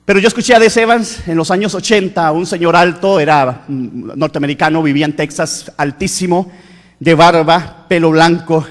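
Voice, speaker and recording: A middle-aged man preaching a sermon as pastor, swinging between fervent shouts and low, quiet asides. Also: normal speed. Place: church sanctuary. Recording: long church reverb.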